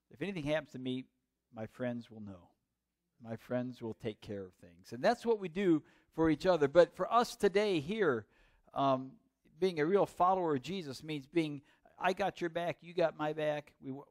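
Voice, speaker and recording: A man's voice: medium pitch, darkish tone, no room sound. A man with an Upper Midwest American accent preaching a sermon in a casual, rambling, conversational way. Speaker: pastor.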